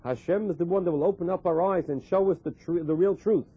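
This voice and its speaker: Man, husky voice, Torah lecture, quotes then explains, muffled narrow phone-like recording. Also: high voice, fast. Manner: repeats and translates quoted phrases as he explains. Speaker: religious teacher.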